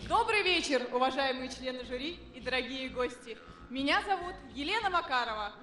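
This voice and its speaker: Casting: high-voiced woman, twenties, formal contestant introduction in a reverberant hall, faint music. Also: expressive, fairly quick, fairly bright tone. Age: 20s. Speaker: pageant contestant. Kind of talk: formal rehearsed stage self-introduction.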